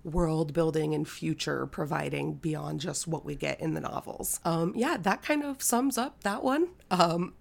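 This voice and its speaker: A woman co-hosts a book podcast in a casual, hesitant, conversational style. Her voice sits fairly low and is full of gravelly vocal fry. A recent cold leaves her throat audibly scratchy. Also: a little slow, hardly any pauses. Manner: hesitant, conversational, with frequent "like" and "kind of". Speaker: podcast co-host.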